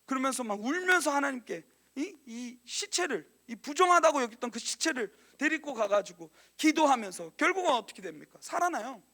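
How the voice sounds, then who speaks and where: A man preaching a sermon as a youth pastor. He tells the story in a conversational, animated way and speaks to the congregation directly. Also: a little fast, hardly any pauses. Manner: animated storytelling, acting out quoted lines in a hushed lower voice.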